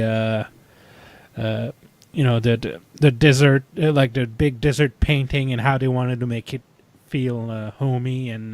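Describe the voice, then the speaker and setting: A man co-hosting a casual fan show, pitched in the middle range. He talks in a halting way, full of fillers and restarts as he gathers his thoughts. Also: a little mellow. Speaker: podcast co-host. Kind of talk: casual chat.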